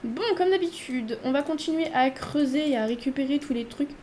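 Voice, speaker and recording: In this casual gameplay commentary, a woman with a high-pitched, darkish voice talks fairly fast while playing a life-sim game. She keeps up a steady chatter, addressing her character directly, over a faint background hiss or hum.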